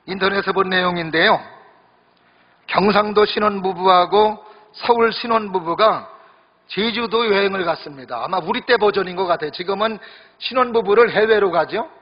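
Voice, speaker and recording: A man's voice: sits high, moderate pace. A male pastor preaching a sermon in a church during a worship service, talking conversationally, joking and speaking straight to the congregation. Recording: echoey hall, dull lo-fi sound.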